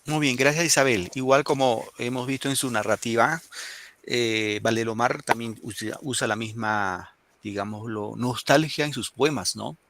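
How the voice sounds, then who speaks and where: Gravelly-voiced male teacher quizzing his class. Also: mid-range voice, normal speed, fairly bright tone. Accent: Peruvian Spanish. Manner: explains and questions students, reads poems aloud. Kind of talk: classroom lesson.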